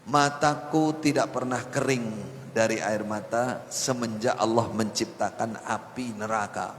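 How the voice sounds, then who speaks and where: A man's voice: on the low side, steady tone, measured pace. A man giving a mosque sermon, telling stories with animation and quoting Arabic phrases. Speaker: preacher. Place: mosque hall. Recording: long hall reverb, faint noise.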